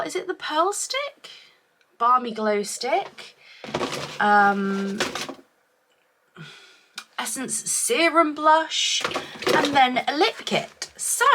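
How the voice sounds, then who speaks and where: A woman beauty vlogger with a bright, forward voice that sounds chesty from a cough. She talks at an unhurried pace, casually thinking aloud as she reviews products for the camera. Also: on the high side, slight background noise. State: chesty from a week-long cough.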